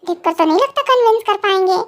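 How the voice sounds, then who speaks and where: Woman doing chatty schoolgirl friends, gossipy, very high voice, fan audio drama. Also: lively intonation, fast.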